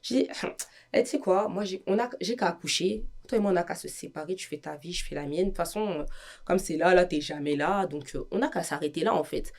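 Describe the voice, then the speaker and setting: Woman, french accent, emotional testimony, lively storytelling, slightly low voice. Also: quick pace. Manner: animated storytelling, acts out quoted dialogue. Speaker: guest giving testimony.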